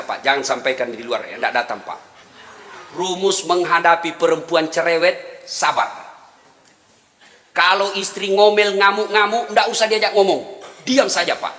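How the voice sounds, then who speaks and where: A middle-aged man, giving a humorous sermon full of animated storytelling and voiced quotes. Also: high voice. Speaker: preacher. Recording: reverberant hall, faint ambience.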